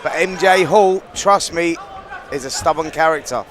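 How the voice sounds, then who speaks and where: Male boxing pundit, fairly high-pitched. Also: normal speed, a crowd in the background, noisy background. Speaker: boxing co-commentator and analyst. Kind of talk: conversational live sports analysis. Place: ringside at a boxing venue.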